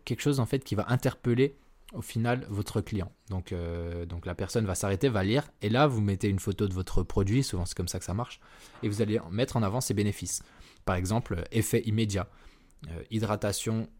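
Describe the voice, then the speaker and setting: A man's voice: lowish voice, darkish tone. A man hosting a casual solo podcast, rambling with many fillers and self-corrections. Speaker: podcast host. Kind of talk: casual solo marketing talk. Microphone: podcast mic.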